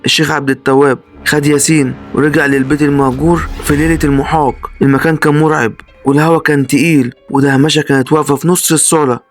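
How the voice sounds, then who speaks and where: A male Egyptian Arabic storyteller tells a horror tale at a brisk, dramatic clip. His pitch sits slightly high. Soft music plays underneath. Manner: dramatic, suspenseful. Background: faint music.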